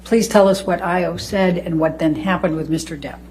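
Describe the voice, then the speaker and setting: A woman's voice: lowish voice, fairly quick, darkish tone. Woman attorney on a noisy courtroom feed. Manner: brief, polite prompts. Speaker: trial attorney. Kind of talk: courtroom questioning.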